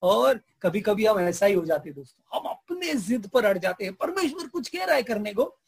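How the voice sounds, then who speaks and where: Husky high-voiced male preacher. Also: moderate pace, no echo. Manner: lively storytelling, frequent audience prompts. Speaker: pastor. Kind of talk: sermon.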